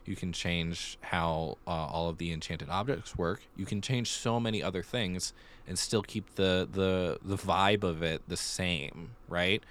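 This podcast co-host has a low, steady voice that's a bit bright and a little slow. Chatting casually, he builds up what he's saying through repeated phrasing.

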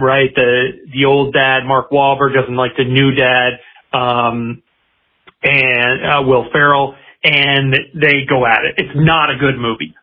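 A man calling in over a phone line to give a hyped, rapid-fire movie pitch. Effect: voice message over a phone line. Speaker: caller to a podcast.

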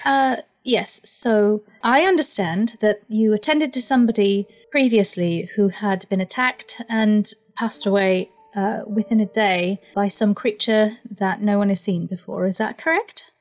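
A woman's voice: medium pitch, measured pace, hardly any pauses. A woman playing in a tabletop game, improvising dialogue in a chatty, hesitant, apologetic, rambling way. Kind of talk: improvised in-character chat. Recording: music under the voice.

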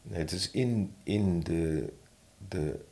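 A man, a podcast guest who is a publisher and poet, talking thoughtfully and reading his own poem slowly. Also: low voice, creaky. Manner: slow, thoughtful, reads his own poem softly and deliberately. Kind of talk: conversational interview with a slow poetry reading.

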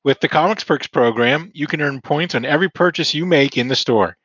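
A man with a fairly high voice reads an advertisement in a steady, upbeat tone. The recording is dry, with little room sound, and a little dull in the highs. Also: brisk, no echo. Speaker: ad reader. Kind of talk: read advertisement.

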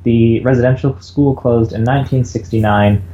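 A man's voice: mid-range voice, fairly even intonation, normal speed, warm tone. A man co-hosting a podcast, heard over a bad video-call connection and talking earnestly. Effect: bad call connection, dull lo-fi audio. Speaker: podcast co-host. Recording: lo-fi roomy video call audio with faint background noise.

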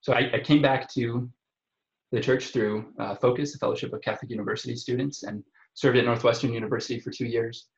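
Roomy, slightly dull low-voiced male guest. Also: fairly even intonation, fast, creaky. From Omaha area, Nebraska. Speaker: podcast guest, parish evangelization coordinator. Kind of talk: conversational personal testimony.

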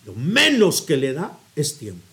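Animated, high-voiced male preacher. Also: measured pace. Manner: expressive, storytelling, appeals directly to listeners. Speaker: priest.

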